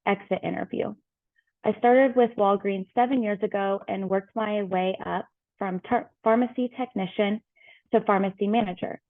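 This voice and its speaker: A woman giving a dramatic reading of a written letter in an emphatic, pointed and indignant manner, with deliberate pauses. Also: mid-range voice, vocal fry, no echo. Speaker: resigning pharmacy manager. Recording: thin phone-like sound, close and dry.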